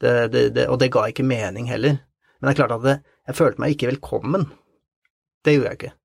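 A man telling a story in an interview, halting and repeating words with many fillers. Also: mid-range voice, gravelly, slightly rough, no room sound, clean studio sound. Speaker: interview guest. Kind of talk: conversational storytelling.

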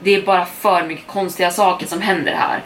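A young adult woman narrates a first-person horror tale in steady storytelling mode. Her voice sits on the lower side, and she picks up speed through the tense stretches. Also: slight background noise. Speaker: podcast storyteller.

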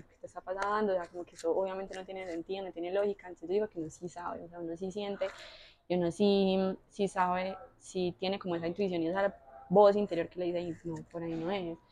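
A young woman with a Colombian accent talks fast as a podcast guest. She tells personal stories casually, lively and full of fillers, acting out her own thoughts as quotes. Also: fairly low pitch. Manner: animated, with frequent fillers and quoted inner voices. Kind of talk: casual conversational storytelling.

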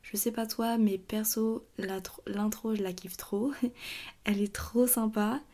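A young woman hosting her own podcast, talking through her thoughts in a tired, halting way with many fillers and restarts. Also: mid-range voice, fairly even intonation, mellow. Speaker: podcast host. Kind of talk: casual personal monologue.

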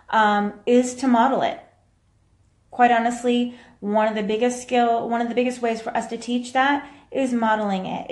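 A woman's voice: medium pitch, darkish tone. A woman hosting a casual livestream of parenting advice, speaking in a room with a big hall-like echo. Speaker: podcast host and parenting coach. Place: echoing room.

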